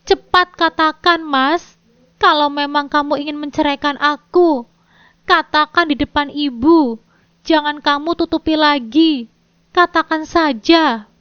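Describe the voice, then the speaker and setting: A woman's voice: high-pitched, steady tone, measured pace, no room sound, voice pushed up. A woman voicing a betrayed young wife confronting her husband, tearful and pleading. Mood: accusing. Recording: dull dry lo-fi recording.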